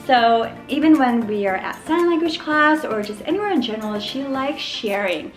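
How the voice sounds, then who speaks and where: A woman's voice: high voice, lively intonation, moderate pace, faint music behind. A young woman vlogging a cheerful update about her baby at home, chatty and upbeat, sometimes mimicking baby sounds. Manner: chatty, upbeat, addresses viewers as you guys. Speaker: mom vlogger. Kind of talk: casual baby update vlog. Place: home living room.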